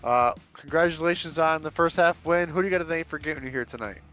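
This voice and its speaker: A man commentating a sim racing broadcast in a relaxed, folksy way and interviewing drivers. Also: a little high, fast, soft background music. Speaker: race commentator.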